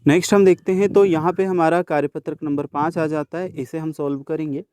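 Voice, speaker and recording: शांत, धीमे उच्चारण वाला पुरुष शिक्षक. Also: male voice, a little high, steady tone, dark tone, smooth, no echo. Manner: slow, deliberate sounding out of letters; addresses students directly. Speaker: teacher. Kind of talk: worksheet solution lesson.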